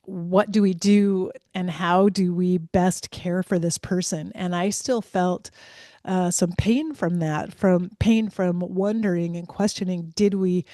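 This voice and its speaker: A woman's voice: fairly low pitch, warm tone, dry recording, clean studio sound. A woman hosting an interview, a former hospice physician speaking earnestly and reflectively, sometimes restarting her sentences. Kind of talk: conversational interview.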